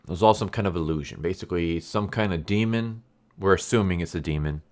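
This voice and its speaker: Male reviewer, very low voice, non-native English speaker, R's come out as W's, stumbles over words, casual rambling delivery. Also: fairly bright tone. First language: a language other than English. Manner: says w for r, slows down on r sounds. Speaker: comic book reviewer.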